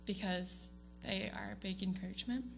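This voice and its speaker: Speaking in the church sanctuary, a young student accepting an award gives a casual, halting speech to her congregation, full of ums and little laughs. Her voice sits at medium pitch with a steady tone, moderate pace and vocal fry, over a slight hiss or hum.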